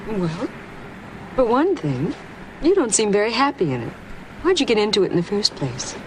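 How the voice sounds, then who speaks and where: An actress playing a sheltered, charming young woman with a soft, amused manner, in 1950s film dialogue. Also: mid-range voice, very animated, moderate pace, noisy background, close to an everyday voice. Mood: warm. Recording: 1950s film soundtrack with music.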